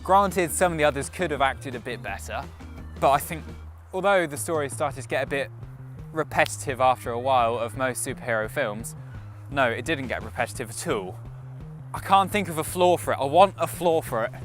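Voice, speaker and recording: A man's voice: medium pitch, animated, brisk, a bit bright, soft background music. A young man giving casual, opinionated reviews to camera as a vlog co-host.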